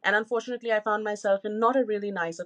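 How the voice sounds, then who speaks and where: A woman's voice: mid-range voice, fairly even intonation, rapid-fire. A woman in her thirties co-hosting a podcast, talking candidly and openly with many "you know" fillers. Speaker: podcast co-host. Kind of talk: casual personal podcast talk.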